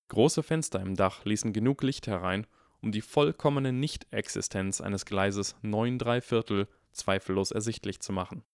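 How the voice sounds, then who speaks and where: A man narrating an audiobook in an even, measured storytelling manner. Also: on the low side, vocal fry, no echo, clean studio sound. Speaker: audiobook reader.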